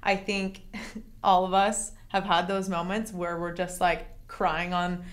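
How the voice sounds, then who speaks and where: A woman's voice: lowish voice, flat delivery, takes it slowly. A woman co-hosting a podcast in casual chat, talking with many filler words. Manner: chatty, frequent "like" fillers. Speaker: podcast co-host.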